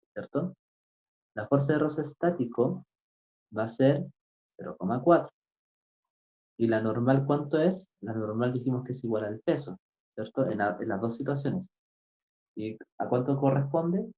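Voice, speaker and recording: A male physics teacher explains a worked problem one step at a time in a relaxed, mellow voice. He keeps turning to the class with small checks to make sure they follow. The recording is somewhat dull and lo-fi. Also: medium pitch. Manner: keeps asking "right?" to check understanding; patient, step-by-step.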